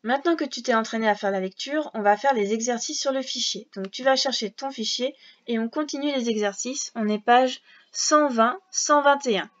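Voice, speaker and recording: A woman's voice: fairly high pitch, normal speed, fairly bright tone. A woman teaching a reading lesson to young children, patiently sounding out syllables and letters one by one. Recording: dull lo-fi sound.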